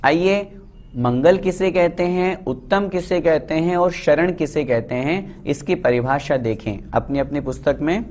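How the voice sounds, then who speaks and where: A man teaching a religious text, reciting verses and explaining them word by word in a slow, deliberate way. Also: fairly high pitch, darkish tone, a little hiss or hum. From India. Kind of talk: scripture lesson with recitation.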